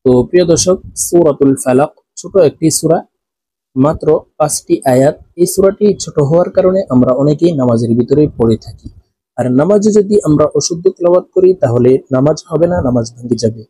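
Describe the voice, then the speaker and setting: A man with a Bangladeshi Bengali accent teaching Quran recitation, slowly and patiently, breaking each word apart and repeating phrases. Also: fairly high pitch, warm tone, slightly rough, dry recording. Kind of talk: slow, patient teaching with drawn-out chanted recitation.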